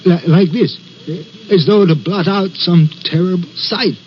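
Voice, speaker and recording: A jittery railway signalman in a vintage radio thriller, his pitch running high for a man. He stumbles over his words as he recounts the story. The recording is dull and muffled, with a faint hiss. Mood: haunted. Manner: halting, stammering storyteller. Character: haunted, nervous railway signalman. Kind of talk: 1940s radio acting.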